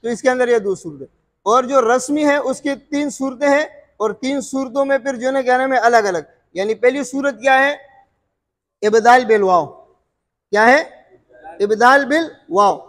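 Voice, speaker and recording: High-voiced male tajweed teacher, echoing. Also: a bit bright. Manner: repeats terms and quizzes listeners, drawn-out sung examples; frequent filler "what's it called". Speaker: Quran recitation teacher. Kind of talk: explaining recitation rules to students.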